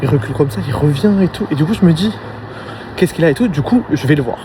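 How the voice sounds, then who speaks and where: Man, young, rambling street storytime, clear traffic noise outside. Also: a little high, fast. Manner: rambling, animated, slangy. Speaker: vlogger. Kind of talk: storytime monologue to camera. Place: outdoors on a city street at night.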